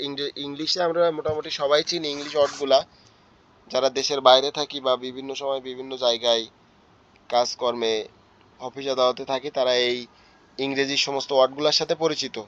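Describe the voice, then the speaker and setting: A hoarse man, teaching an online tajweed class and slowly repeating letter sounds for his students. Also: medium pitch, fairly bright tone, no echo. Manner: slow, repetitive drilling of letter sounds. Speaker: Quran teacher. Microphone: online class audio. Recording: dull lo-fi online class audio.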